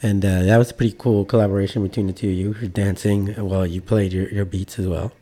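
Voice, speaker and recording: Male host, low mellow voice, rambling casual interview, lots of restarts. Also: steady tone, quick pace. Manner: rambling, frequent restarts and fillers.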